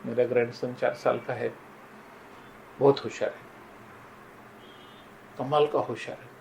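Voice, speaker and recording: A man's voice: mid-range voice, steady tone, unhurried, creaky, darkish tone, slight background noise, rough recording. Earnest older man telling moral stories. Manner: earnest storytelling, often addresses listeners as friends. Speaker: motivational speaker. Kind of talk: motivational talk with personal stories.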